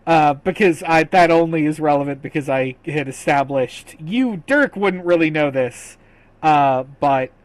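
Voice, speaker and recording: A man runs a tabletop game as game master, talking slowly. He is relaxed and laughs easily. His voice is slightly high. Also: dry recording.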